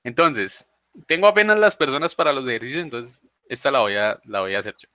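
A man teaches an online class, patiently breaking grammar rules into small steps. His voice is bright and sharp, and the sound is dry and close with no room around it. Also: mid-range voice, lively intonation, fairly quick, no echo. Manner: patient, explains step by step.

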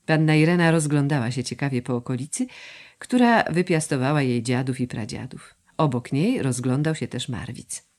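A woman reading a novel aloud as an audiobook narrator, expressive in her storytelling. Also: very deep voice, moderate pace. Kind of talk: scripted narration.

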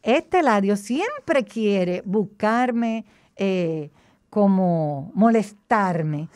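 A woman's voice: medium pitch, expressive, very slow, darkish tone, no room sound, clean studio sound. A woman speaking through a face mask, explaining health topics in casual chat, often hesitating and bringing in religious references. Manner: plain explanations with frequent hesitations and restarts.

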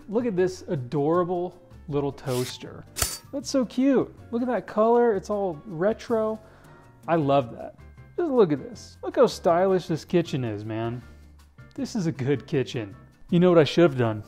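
A man's voice: on the high side, sing-song, a little slow, mellow, faint music behind. A young man giving a jokey, casual tour of a kitchen, filmed on a handheld camera in a house. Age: young adult. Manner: playful, jokey, says "dude" often. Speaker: English teacher vlogger. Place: kitchen of a large house, indoors. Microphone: handheld camera, selfie framing.

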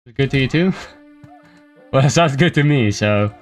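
A man giving casual gameplay commentary at home on a desk mic, mumbling and unhurried, with lots of ums and little laughs. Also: mid-range voice, animated. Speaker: gameplay video host. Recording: faint game music behind.

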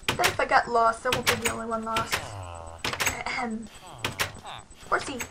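A young woman hosting a gaming channel chats casually through a let's-play, rambling with plenty of "like" into a headset mic at her computer. Her voice is a little high and worn from losing it, with fairly even intonation and a normal speed, and the recording is very noisy.

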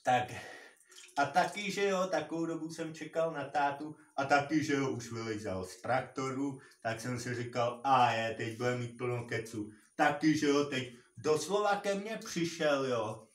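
Rambling man telling a story, roomy sound. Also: a little high. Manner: rambling, repeats himself, many filler words. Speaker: vlogger. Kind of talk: casual storytelling. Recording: roomy and distant from mic.

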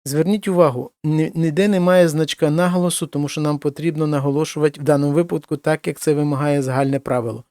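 A man teaching Spanish grammar in a slow, careful way, repeating example forms and switching between two languages. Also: on the high side, steady tone, mellow, no echo, clean studio sound. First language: Ukrainian. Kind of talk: explaining grammar with spoken examples.

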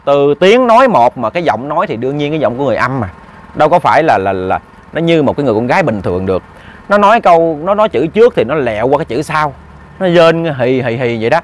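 A man's voice: fairly high pitch, big pitch swings, fast. A man telling a ghost story in a chatty way, speaking directly to his listeners. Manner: chatty, addresses listeners directly, repeats words. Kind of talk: casual spoken storytelling.

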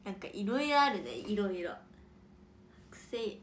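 A young woman hosting a casual livestream and reading out viewer comments, with a chatty, playful manner and soft whispered asides. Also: medium pitch, lively intonation, measured pace, slight background noise. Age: young adult.

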